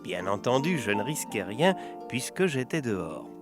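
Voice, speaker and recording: A man tells a storybook tale in an expressive, theatrical way. His pitch swings widely as he reads, and faint music plays behind him. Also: moderate pace. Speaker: narrator. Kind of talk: storybook reading.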